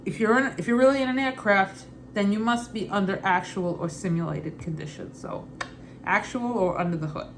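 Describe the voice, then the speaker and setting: A woman's voice: mid-range voice, normal speed. A woman with a loose Brooklyn accent reads study questions and answers aloud informally, repeating and rephrasing as she thinks through them. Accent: Brooklyn, put on loosely and unevenly. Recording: clearly noisy ambient background.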